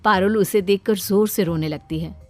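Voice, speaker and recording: A woman's voice: medium pitch, moderate pace, faint music behind. A woman narrating a cartoon story with plain storytelling delivery.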